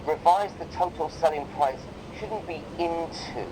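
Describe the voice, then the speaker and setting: A man tutoring English one to one in a casual, explanatory way, softening his corrections with tentative phrasing. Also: on the high side, measured pace, heavy background noise. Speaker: English teacher correcting writing.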